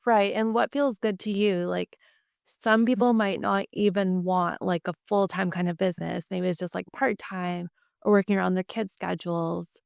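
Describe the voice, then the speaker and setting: A woman hosting a podcast, chatting in a relaxed, agreeable way with "like" fillers. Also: fairly low pitch, normal speed, creaky, smooth, no room sound, studio quality. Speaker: podcast host. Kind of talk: casual podcast conversation.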